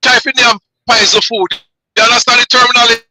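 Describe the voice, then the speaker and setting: A male caller on a phone-in show, speaking haltingly and repeating words while his line breaks up with bad reception. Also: extremely high pitch, flat delivery, bright, forceful tone, slight background noise, rough recording. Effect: call breaking up with bad reception. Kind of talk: phone-in discussion.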